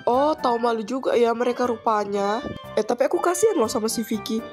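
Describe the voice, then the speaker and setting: A woman's voice: on the high side, fast talker, a little mellow, soft background music, voice pushed down, lightly acted. A woman voicing a nosy, pushy teenage girl classmate.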